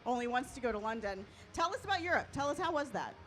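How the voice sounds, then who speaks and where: A woman's voice: high voice, sing-song, fast, fairly bright tone, soft background music. A woman interviewing a band at a festival, chatty and giggly, full of fillers.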